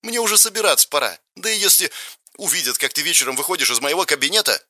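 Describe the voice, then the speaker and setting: A man voicing an impatient, sharp-tongued young woman in an audiobook, talking briskly and in a hurry. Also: on the high side, animated, no echo, clean studio sound, pitched above the performer's own voice, exaggerated voice. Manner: brusque, hurried.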